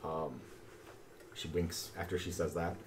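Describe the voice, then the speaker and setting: Male game master, fairly low pitch, improvised tabletop narration, clear background noise. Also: little pitch movement, a little slow. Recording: noisy room recording.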